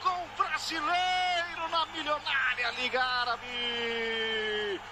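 A man with a Brazilian accent giving explosive football goal commentary, shouting in drawn-out, excited calls. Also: extremely high pitch. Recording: noisy stadium broadcast audio.

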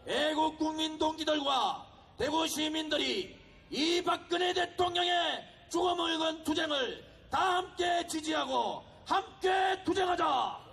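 A man giving a fiery political speech at an outdoor street rally, shouting and exhorting the crowd. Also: very high voice, measured pace, creaky.

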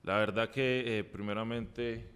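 A young man answers reporters from a table microphone. His voice sits very low and stays flat in tone, and he stops and restarts his thoughts often. A long reverb trails behind him in the press room. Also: smooth. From Colombia. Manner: halting, many restarts and fillers. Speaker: football player. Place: press room in front of a sponsor backdrop. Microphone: table mic.

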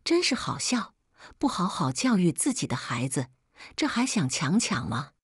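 Woman reading as a young mom, sarcastic and cutting, bit husky, lively pitch. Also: normal speed, no echo, studio quality, exaggerated voice. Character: young mother, cold and sharp-tongued.

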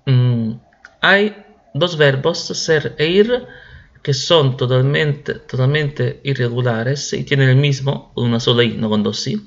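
Man teaching grammar, talks real slow, drills verb lists over and over, kinda muffled dull recording. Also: mid-range voice, creaky. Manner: drills conjugations in slow repeated lists, falling at each list's end. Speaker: Spanish teacher. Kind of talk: slow, deliberate grammar lesson.

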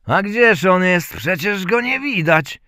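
A haughty rich lord from a folk tale, voiced by a male reader barks his words loudly and with command. His voice is a little raised and husky, recorded dry and close. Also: medium pitch, wildly swooping pitch, slow pace, no echo, pitched above the performer's own voice, heavily acted. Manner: loud and commanding.

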